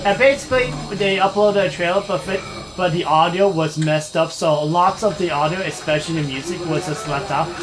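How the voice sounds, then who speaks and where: A woman joking around during a game playthrough in casual group banter, playful and quick to tease. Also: lowish voice. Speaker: let's play commentator. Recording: music playing behind the voice.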